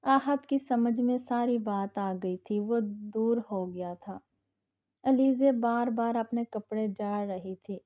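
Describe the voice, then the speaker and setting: A woman reading a romance novel aloud as scripted narration, in a measured storytelling manner. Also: a little high, mellow.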